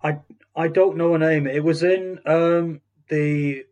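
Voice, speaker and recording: Halting man telling a story. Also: on the high side, fairly even intonation, a little mellow. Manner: halting, many restarts and fillers. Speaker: podcast host. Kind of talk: casual storytelling chat.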